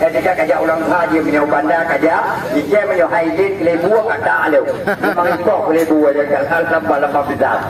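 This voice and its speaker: A man's voice: a little high, steady tone, brisk. Noisy, distant Acehnese street hawker, male. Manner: joking, bantering with onlookers. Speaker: street medicine seller. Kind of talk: comic open-air sales pitch. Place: outdoors in a town square. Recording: distant, echoey, noisy outdoor recording.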